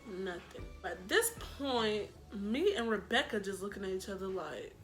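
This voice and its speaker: A woman's voice: mid-range voice, moderate pace, soft background music. A young woman vlogger telling a personal story in a casual, slangy, dramatic way. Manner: animated, slangy, dramatic retelling.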